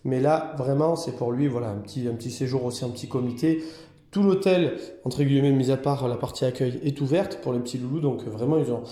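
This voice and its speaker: A man's voice: fast, mellow. Chatty man in an echoey room. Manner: chatty, talks baby-talk to the cats in a higher voice. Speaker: cat hotel keeper. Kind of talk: casual vlog narration.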